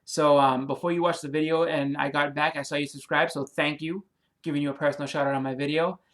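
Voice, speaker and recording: Talking quickly in a fairly high, somewhat bright voice with little pitch movement, a Boston-accented man who makes comic and movie videos rambles through a casual vlog. He's friendly and apologetic as he thanks new subscribers, peppering his talk with ums and you-knows.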